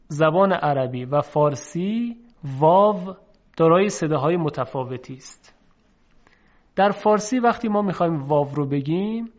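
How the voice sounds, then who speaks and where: A man teaching Quran recitation, explaining how letters are pronounced and stretching out example sounds slowly for his students to repeat. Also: fairly high pitch, dull audio. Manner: slow, drawn-out demonstration of sounds. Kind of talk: lesson on letter pronunciation.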